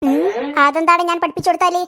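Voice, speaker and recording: A woman's voice: extremely high pitch, steady tone, quick pace, pushed and bright. A woman voicing Kunjami, a bossy, self-important elder-sister figure in a cartoon, who scolds and brags. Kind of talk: cartoon voice acting.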